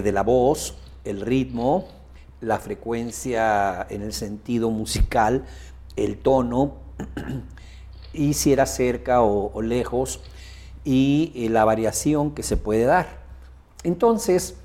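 A man's voice: medium pitch, mellow. Man teaching with frequent hesitations. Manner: explanatory, many hesitation fillers, guiding listener through imagined scene. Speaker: coaching instructor. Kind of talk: spoken lesson.

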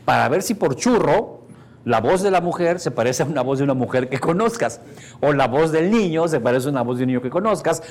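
A man's voice: medium pitch, a little mellow, a little hiss or hum. A man with a Mexican Spanish accent teaching a seminar group, explaining in a chatty way with everyday examples and checking in with his listeners. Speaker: seminar instructor. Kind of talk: workshop lecture to a live group. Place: seminar room with a live audience.

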